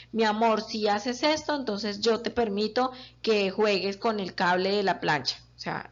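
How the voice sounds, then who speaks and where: A woman calmly explaining parenting, pausing often with filler sounds. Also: medium pitch, muffled recording. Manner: calm, explanatory, with frequent "eh" fillers. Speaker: parenting educator. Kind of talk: informative talk on parenting.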